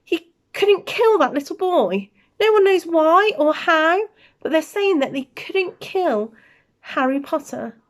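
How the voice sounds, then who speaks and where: A woman performs a storybook character, an anxious, stern older woman professor, with an exclaiming, emotional delivery that sounds anxious and astonished. Her voice is pushed up to an extremely high, sing-song pitch, slow and heavily acted.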